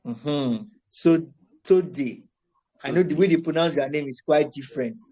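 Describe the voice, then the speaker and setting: A man's voice: on the high side, a little fast, dark tone, slightly rough, rough recording. A man teaching a live voice-chat class. He coaxes and corrects his students and often restarts his phrases. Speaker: tutor.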